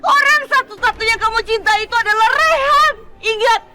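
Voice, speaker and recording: A woman's voice: very high-pitched, brisk, pushed and bright, roomy sound, exaggerated voice. A woman dubbing a scornful, scheming middle-aged mother in a TV drama, accusing and insistent. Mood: pleading. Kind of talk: dubbed TV drama.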